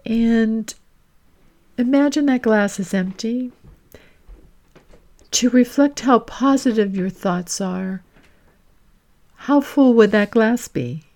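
With a voice on the high side, a woman hosts a guided reflection podcast-style, speaking gently and deliberately and pausing at length to reflect.

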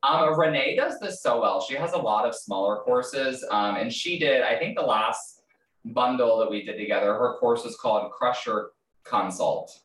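A man's voice: medium pitch, expressive, moderate pace, fairly bright tone, a little hiss or hum. A man hosting a podcast interview, chatting casually with lots of fillers and restarts. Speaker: podcast host. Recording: roomy sound, distant from mic.

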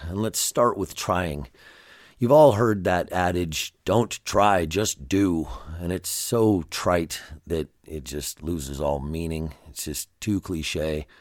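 A man with a gravelly voice, congested from allergies, hosting a self-help podcast in a direct, conversational way that addresses the listener. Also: low-pitched, a little mellow, no room sound, studio quality. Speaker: podcast host.

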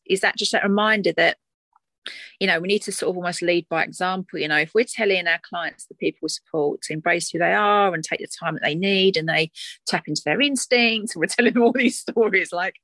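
A woman's voice: lowish voice, quick pace, a bit bright, no echo, rough recording. A woman with an Essex accent in a casual, reflective chat, talking in a chatty, conversational way as an interview guest.

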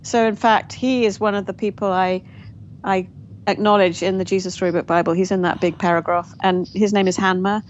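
A fairly quick English woman with medium pitch and fairly even intonation is interviewed as a guest author. She looks back on her family story, often starting sentences over. Faint noise sits under the dull, lo-fi recording.

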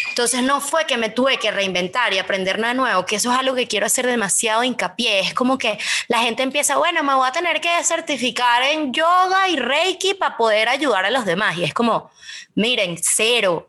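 A woman's voice: fairly high pitch, bright, forceful tone. A woman, a guest in a conversational interview, telling her story expressively and acting out the voices she quotes.

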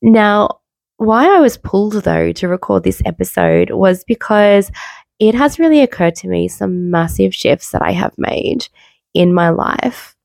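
Under-the-weather woman podcasting, creaky voice. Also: mid-range voice, sing-song, measured pace, a little mellow, dry recording. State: unwell with a cold, low energy. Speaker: podcast host, wellbeing coach. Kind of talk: personal podcast monologue. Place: bedroom, sitting on bed. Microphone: makeshift mic, not usual podcast microphone.

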